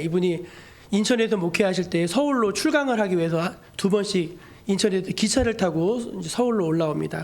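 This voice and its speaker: A male pastor preaching a sermon, telling stories with lively acted-out quotes. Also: high-pitched. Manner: animated storytelling, acting out quoted voices.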